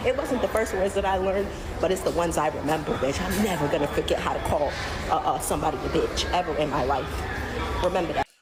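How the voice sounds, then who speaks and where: A woman telling a personal story in a casual vlog, blunt, profane and animated. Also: low voice, fast talker, a loud crowd, very noisy. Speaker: storyteller in a reacted-to clip.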